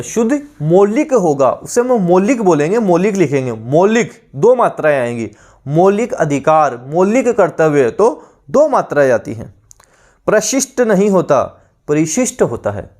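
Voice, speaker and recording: A man teaching an online exam-prep grammar lesson, repeating each word slowly so students can learn its spelling. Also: a little high, darkish tone.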